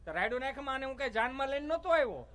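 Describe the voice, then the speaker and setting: A man's voice: very high voice, very animated, racing, a bit bright. A middle-aged male stand-up comedian, telling folksy, teasing jokes to a live audience with preachy asides. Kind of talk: Gujarati stage comedy monologue. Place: stage before a live audience.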